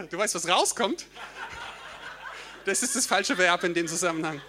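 A young man giving a personal testimony in church, an expressive storyteller who laughs at himself and breaks into bits of hymn singing. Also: high voice, unhurried, slight background noise. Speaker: church speaker sharing a testimony.

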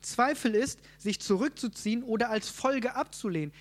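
A man with a high voice preaching a sermon, teaching as he goes and putting questions to the people in front of him. He talks casually, with quick asides and rhetorical checks like "right?".

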